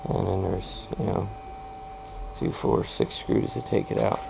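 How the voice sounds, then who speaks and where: A low, gravelly male voice, speaking a bit slowly, belongs to an American machinist from California walking through a repair in a casual, hands-on way. He's plain-spoken and matter-of-fact, working indoors in a machine shop, and the recording is a noisy amateur workshop capture.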